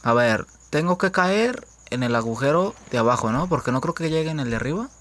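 A young man with a Mexican accent giving casual gameplay commentary, joking, swearing freely, laughing often and breaking into sudden high-pitched yelps. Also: expressive, brisk, fairly bright tone. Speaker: gaming YouTuber.

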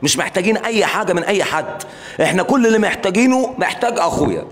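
A man's voice: high voice, lively intonation, rapid-fire, fairly bright tone. A man making an impassioned, repetitive plea in a live interview. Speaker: interviewee, brother of a singer.

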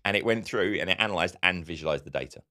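A man's voice: sits low, fast. A man co-hosting a marketing podcast, talking casually and acting out quotes as he tells a story. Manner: animated storyteller, acts out quotes. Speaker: podcast co-host. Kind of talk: casual conversational podcast chat.

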